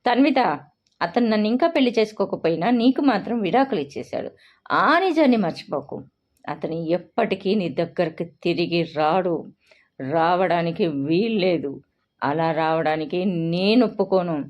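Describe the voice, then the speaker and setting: A woman voicing a scheming, jealous young woman who taunts her rival in a shrill, rushed way, in a muffled recording. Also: expressive, lightly acted. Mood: taunting.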